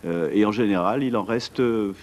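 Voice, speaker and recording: Speaking at a normal pace in a lowish, somewhat dark voice, a forties-aged man who organizes art events guests on a TV studio interview. At the desk mic he talks chattily about his events, full of fillers and restarts.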